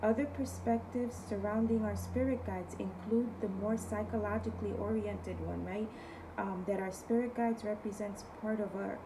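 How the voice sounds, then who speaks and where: A tarot reader with a New York accent hosts a casual spiritual talk on video, her medium-pitched voice gone hoarse from overuse as she loses it. She's chatty and keeps checking in with viewers, often asking "okay guys," with background noise behind her.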